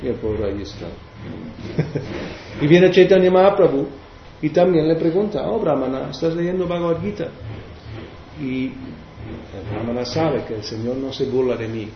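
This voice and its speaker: A man's voice: mid-range voice, animated, measured pace, slight background noise. Male spiritual teacher, hesitant explainer, roomy dull recording. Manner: hesitant, many restarts, explaining verses. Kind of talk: devotional class with questions.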